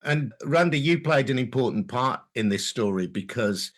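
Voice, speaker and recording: A man hosting a news podcast, introducing the story and asking questions in a measured, journalistic way. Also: mid-range voice, animated. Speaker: podcast host. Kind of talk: interview hosting.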